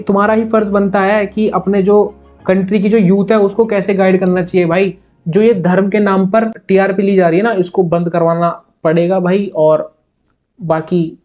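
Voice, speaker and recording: A man's voice: high-pitched, a little mellow, lo-fi sound. A young man hosting his own video channel, giving his opinion in a casual, earnest and chatty way, and often calling his listeners "brother". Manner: earnest, chatty, constantly says "bhai". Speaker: YouTube reaction host.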